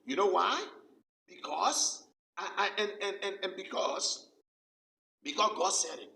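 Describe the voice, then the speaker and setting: High, gravelly male pastor preaching. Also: animated, measured pace, pushed and bright. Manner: emphatic, repeats key phrases many times. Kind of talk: sermon. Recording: roomy sound from a distant mic.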